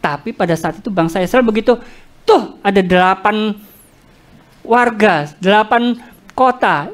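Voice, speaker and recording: A woman pastor giving a lively church sermon in an Indonesian accent with East Javanese slang, joking with the congregation and acting out quoted voices. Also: medium pitch, unhurried. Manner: animated, jokey, addresses the congregation directly; acts out congregants' complaints and God's words in quoted voices.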